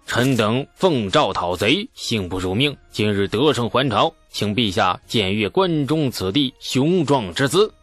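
A man's voice: medium pitch, lively intonation, unhurried, hardly any pauses, dry recording, soft background music. A man voicing a weary, victorious general who reports to his emperor in a formal, declaiming tone.

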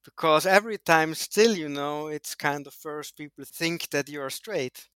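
A man from Austria, a physicist, speaking in a thoughtful, measured way in an interview. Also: on the high side, a bit bright, smooth, no room sound. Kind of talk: interview testimony.

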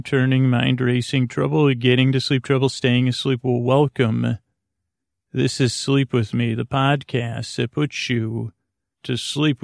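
A podcast host with a creaky, mid-range male voice presents a bedtime show, wandering informally and hesitantly through sidetracks and half-finished words. The audio is studio quality with no room sound.

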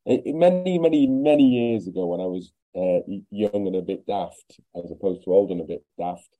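A middle-aged man from Wales giving measured, wry football opinions on a podcast. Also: low voice, dark tone. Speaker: football pundit guest. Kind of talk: podcast discussion. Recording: slightly muffled audio.

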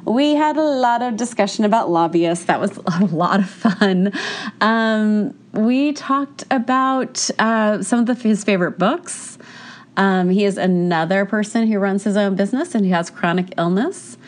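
A woman's voice: mid-range voice, unhurried. A woman hosting a podcast, chatting casually through a cold, with a congested, stuffy nose and a tired sound. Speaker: podcast host. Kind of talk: casual podcast episode introduction.

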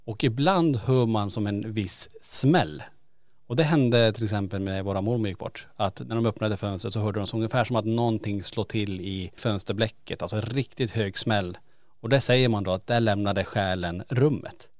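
A man with a fairly low voice hosts a podcast, telling stories in a loose, animated way. He often pauses on fillers as he goes. His delivery stays casual. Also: dry recording. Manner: animated storyteller, many fillers. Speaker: podcast host. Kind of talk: casual storytelling chat.

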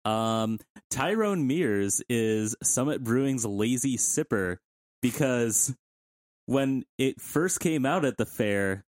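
A man's voice: medium pitch, expressive, takes it slowly, dry recording, studio quality. A man co-hosting a sports podcast in casual conversation. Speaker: podcast co-host.

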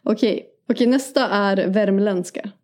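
Giggly Scanian woman, mellow voice. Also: medium pitch. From southern Sweden (Skåne). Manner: giggly, lots of fillers. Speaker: podcast co-host. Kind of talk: casual podcast chat.

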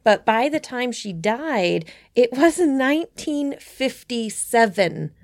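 A woman's voice: a little high, very animated, slow. A woman co-hosting a podcast in casual chat, talking with a lot of "like" and "you know". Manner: chatty, lots of "like" and "you know". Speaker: podcast co-host.

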